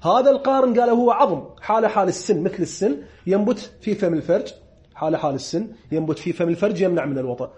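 A man with an Iraqi Arabic accent gives a seminary lecture on religious law, slowly repeating definitions and joking with his students. His voice sits high, is expressive and somewhat dark in tone, and the highs are cut off.

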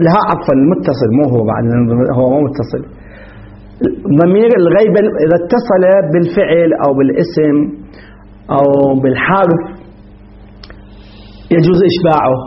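A man with a high voice teaches grammar from a text. He poses questions to his listeners and repeats the example words over and over. The recording sounds dull and lo-fi.

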